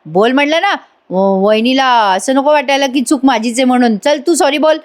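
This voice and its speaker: A teasing, bossy young man who needles his friends without letup, voiced by a woman retelling a serial. His voice sits on the high side for a man. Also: moderate pace, close to an everyday voice. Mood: needling. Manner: pushy, needling.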